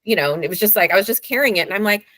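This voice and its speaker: A woman's voice: mid-range voice, animated, rapid-fire, bright, forceful tone, no echo. A woman guest telling a long story in a rambling way, full of "like" and "you know", speaking from home over a video call. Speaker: dog owner, guest. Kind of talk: casual storytelling in an interview.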